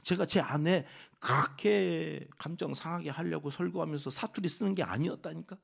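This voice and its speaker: A man preaching a dawn prayer sermon in a church, with a Chungcheong Korean accent, dropping from loud exhortation to hushed whispered asides. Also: fairly high pitch, normal speed, gravelly, husky. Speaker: pastor. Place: church sanctuary.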